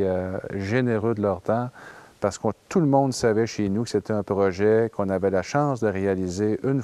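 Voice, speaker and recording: A middle-aged man with a Québécois French accent and a somewhat low voice speaks in a documentary interview. He talks hesitantly, filling pauses with "euh" and stacking up points one after another as a company representative. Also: mellow, dry recording. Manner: hesitant, frequent "euh" fillers, listing phrases. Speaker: wood supplier company representative.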